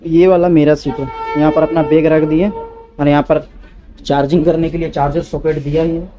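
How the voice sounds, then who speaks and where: A man's voice: a little high, flat delivery, moderate pace, highs cut off, faint music behind. A young man chatting to viewers as a travel vlogger, filming on an action camera inside a train coach and on station platforms. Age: young adult. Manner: chatty, addresses viewers as guys. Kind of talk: casual vlog narration. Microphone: action camera held close. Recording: noisy handheld train recording. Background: train and station noise.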